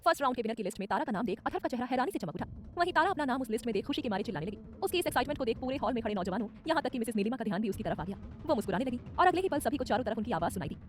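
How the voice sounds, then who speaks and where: A woman narrating a romantic audio story in a brisk, dramatic scripted style. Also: on the high side. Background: soft music.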